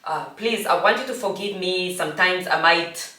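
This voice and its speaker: Low-voiced woman in her forties. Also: sharp tone. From Namibia. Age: 40s. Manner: halting, reflective, restarts often. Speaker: host. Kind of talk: personal storytelling monologue. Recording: echoey room, distant from mic.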